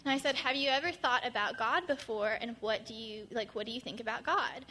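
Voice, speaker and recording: A young woman from Texas tells her testimony as an animated story, laughing often. Her voice sits high and rings bright and clear. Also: fairly quick, a little hiss or hum. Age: young adult. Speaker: college student sharing a testimony. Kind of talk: casual testimony sharing.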